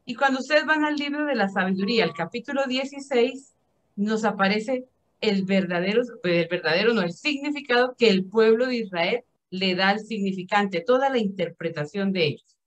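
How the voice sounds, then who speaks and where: A woman of average pitch explains a reading to a Bible study group and reflects aloud as she goes. The recording has a dull, muffled quality. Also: lively intonation, moderate pace. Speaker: speaker in a virtual Bible study. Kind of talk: explanatory talk.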